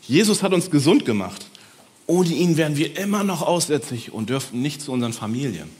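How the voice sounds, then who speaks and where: A man's voice: on the high side, lively intonation, fairly quick, a little mellow, a little hiss or hum, natural voice. A man voicing a grateful Samaritan man in a children's Bible story, earnest and heartfelt.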